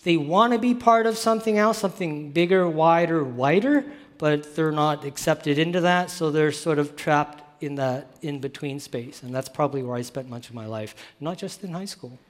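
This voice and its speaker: Thoughtful man with higher voice, reverberant. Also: moderate pace, few pauses. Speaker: author. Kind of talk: reflective conversation.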